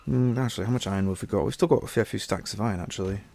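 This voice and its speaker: In a fairly low, gravelly, slightly mellow voice, a young gaming channel host speaks very fast. He has a stuffy nose from a cold and keeps up easygoing gameplay commentary, reasoning aloud as he plays.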